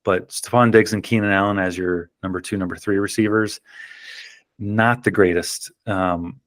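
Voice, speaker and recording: Low-voiced rambling podcast host. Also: male voice, fairly even intonation, normal speed, a bit bright, no room sound, studio quality. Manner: rambling with many ums and restarts. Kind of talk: casual chat.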